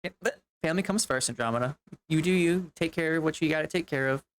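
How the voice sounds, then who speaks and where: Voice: mid-range voice, fast, a little hiss or hum. A game streamer chatting casually with viewers while playing, chatty and exasperated, swearing now and then. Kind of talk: casual live-stream chat.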